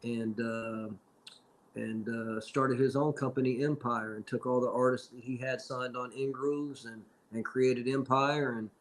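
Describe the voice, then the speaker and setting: A man's voice: medium pitch, steady tone, a little slow, poor audio. Rambling man in his forties. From Seattle. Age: 40s. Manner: rambling, frequent "you know what I'm saying". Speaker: rapper guest. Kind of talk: casual storytelling.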